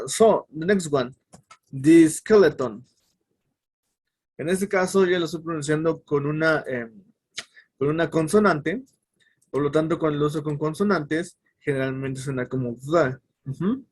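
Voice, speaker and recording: A man teaching a casual English lesson online. He explains step by step and often stops to correct himself, with fillers along the way. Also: a little high.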